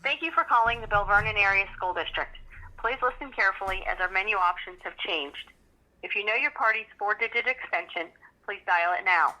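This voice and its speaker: Read this as a recorded phone menu message: a woman giving polite, measured menu prompts, heard faintly over a tinny phone line. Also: medium pitch, pushed and bright. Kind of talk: scripted recorded announcement.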